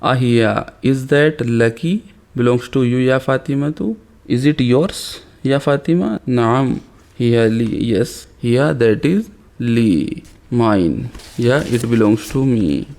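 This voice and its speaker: A man teaching an Arabic grammar lesson, reading examples slowly and explaining them quickly. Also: mid-range voice, expressive, a little mellow. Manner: slow deliberate reading of examples, rapid explanations between. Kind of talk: recorded language lesson.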